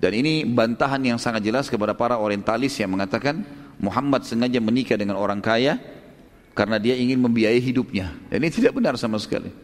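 A middle-aged man giving a conversational religious lecture to a live audience, telling the story in an animated way and acting out the quoted dialogue. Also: medium pitch, fast. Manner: animated storyteller, acts out quoted dialogue, frequent tag "gitu kan". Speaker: Islamic preacher teaching a study group. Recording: long reverb of a hall.

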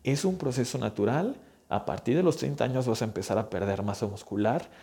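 A man's voice: medium pitch, dark tone. A young man, a physical therapist giving earnest, urgent health advice straight to the listener. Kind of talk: direct-to-camera health advice.

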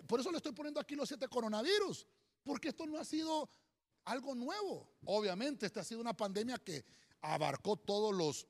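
A male pastor preaching a sermon. He speaks emphatically, often calls listeners "hermano", and pauses to write and spell words on a board. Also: high-pitched. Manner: teaching at a board, writing and spelling words aloud. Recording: long hall reverb.

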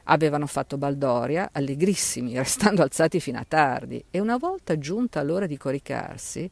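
A man narrating an audiobook with expressive, animated storytelling. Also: on the high side, a little fast, creaky, no room sound.

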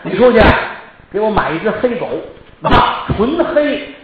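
A man's voice: high voice, sing-song, a little slow, voice pushed up. Man doing a scheming old official. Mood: commanding. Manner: commanding, gloating. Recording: echoey, dull lo-fi, loud noise.

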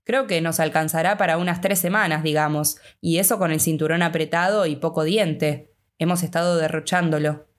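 A woman's voice: sits low, steady tone, moderate pace, close to an everyday voice. A woman voicing a loyal, anxious male hobbit servant who talks in a plain, worried way.

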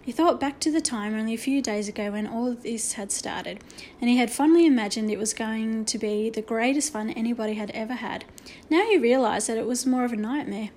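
High-voiced woman reading a children's story. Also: a little mellow, slight background noise. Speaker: audiobook narrator.

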